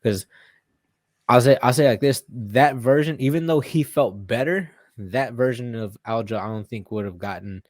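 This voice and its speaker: A man's voice: medium pitch, moderate pace, darkish tone, no echo, studio quality. A man guest in a casual interview, telling stories in a rambling way with lots of fillers and swearing. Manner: rambling, profane storytelling with many fillers. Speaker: guest fighter.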